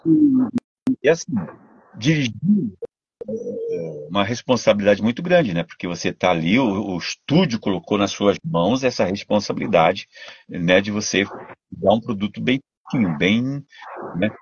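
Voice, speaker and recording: Animated older man, husky voice. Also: on the low side, normal speed, no echo, dull audio. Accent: Brazilian Portuguese. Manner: animated storytelling, many restarts. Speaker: voice actor and dubbing director. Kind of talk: casual interview chat.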